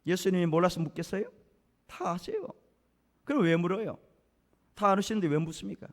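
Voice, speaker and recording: A man's voice: sits high, lively intonation, brisk. A male pastor preaching a sermon in a church, telling the story dramatically and putting rhetorical questions to the congregation. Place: church sanctuary. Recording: reverberant church sanctuary.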